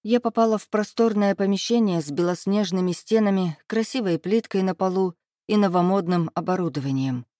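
A woman narrating a first-person novel in a lively, sharp-tongued way, with sharp outbursts in character. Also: medium pitch, brisk, no echo, clean studio sound. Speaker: audiobook narrator.

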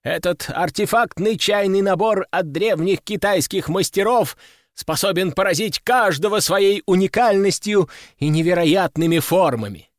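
A man voicing a smug male auctioneer who announces lots in a loud, showy manner, in an audiobook reading. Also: high voice, moderate pace, dry recording, clean studio sound, voice pushed up, lightly acted.

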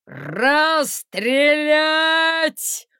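A blustering male guard chief, acted out by a woman narrator, barking orders slowly and loudly in a storybook reading. He sounds flustered, and the recording is dry and close. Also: high voice, sing-song, no echo, pitched above the performer's own voice, heavily acted. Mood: commanding.

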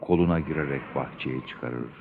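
A man's voice: extremely low pitch, normal speed, narrow, tinny audio. A man playing a patient, pious older father who tells his son a moral tale in a radio drama. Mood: patient, solemn. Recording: clear background noise.

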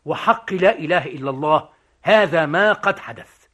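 A man's voice: a little high, expressive, moderate pace, a bit bright, slightly rough. A man acting a cheeky, witty Egyptian vagabond in a stage comedy, joking and mocking. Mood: sly. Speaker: stage actor.

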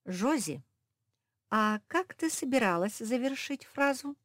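A woman's voice: on the high side, expressive, unhurried, a bit bright, no room sound, studio quality, voice pushed up. A woman voicing a thoughtful, clever female pug who patiently explains and asks. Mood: gently probing.

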